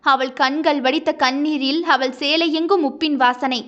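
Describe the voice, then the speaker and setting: A woman's voice: high voice, steady tone, normal speed, fairly bright tone, highs cut off. A woman reading a romance audio novel aloud, in emotive scripted narration.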